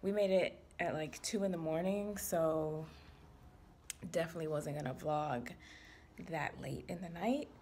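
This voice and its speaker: Young woman, lowish voice, relaxed chatty vlogger on an arm's-length phone, with faint background hum. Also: measured pace. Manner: chatty, relaxed, laughs easily. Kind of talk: casual vlog to camera. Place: parked car, then indoors at a rental home. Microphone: phone held at arm's length.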